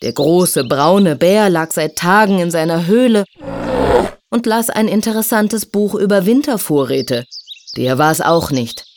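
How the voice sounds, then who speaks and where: A woman reading a children's story aloud in an expressive, sing-song way. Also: on the low side, unhurried, no echo.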